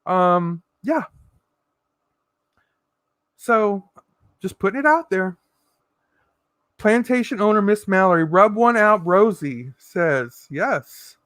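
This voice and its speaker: A woman's voice: medium pitch, a bit bright, dry recording, studio quality. A woman vlogger telling stories to the camera in a sassy, dramatic way, laughing often. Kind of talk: chatty storytelling monologue.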